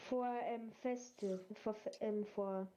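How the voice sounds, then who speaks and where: A woman from Germany, chatting casually, halting and searching for words. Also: mid-range voice, fairly even intonation, warm tone. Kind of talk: casual chat. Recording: muffled, with faint noise.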